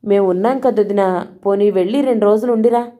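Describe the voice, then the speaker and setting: A woman's voice: medium pitch, brisk, dark tone, lightly acted. A woman voicing a young man, a fond younger brother who talks in a coaxing, reassuring way.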